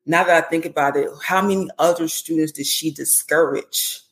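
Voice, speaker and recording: A woman's voice: low voice, steady tone, normal speed, a bit bright. A woman in her thirties, a nurse educator guesting on a podcast, speaking candidly and earnestly, often saying "you know". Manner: emotional when recalling support. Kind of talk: casual interview chat.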